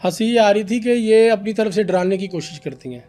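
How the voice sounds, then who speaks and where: A young man, a podcast guest telling an animated story about a paranormal case. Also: high voice, a little fast, faint music behind. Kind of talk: casual storytelling in a podcast interview.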